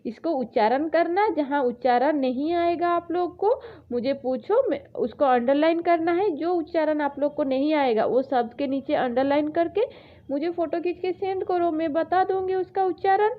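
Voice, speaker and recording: A woman teacher explaining words to schoolchildren in an online lesson, repeating each meaning slowly and mixing in English words. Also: high-pitched, highs cut off. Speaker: Sanskrit teacher.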